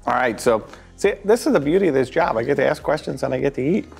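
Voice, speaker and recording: Male host, 40s; gravelly, upbeat and joking, lapel mic in a restaurant. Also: medium pitch, animated, fast talker, faint music behind. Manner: upbeat, joking, eats while talking. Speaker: show host. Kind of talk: casual interview. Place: brick-walled restaurant booth, indoors.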